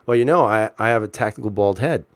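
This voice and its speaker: A man's voice: lowish voice, fast, no room sound. A man hosting a casual livestream, reading viewer comments aloud and answering them in a laid-back, chuckling way with many fillers and restarts. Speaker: livestream host reading chat. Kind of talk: casual live-chat talk.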